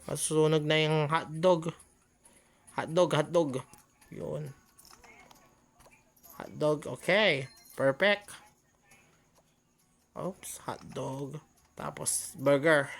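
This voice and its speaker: A woman's voice: deep voice, drawn-out words, gravelly, pauses often, faint music behind. A woman giving chatty gameplay commentary, often exclaiming and laughing at her own mistakes. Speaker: gaming channel host.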